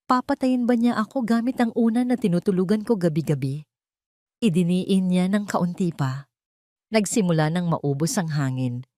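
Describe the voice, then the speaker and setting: A woman with a fairly low voice narrates a first-person story, leaning into suspense and emotion. The sound is dry and close, with no room around it. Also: a little mellow, dry recording.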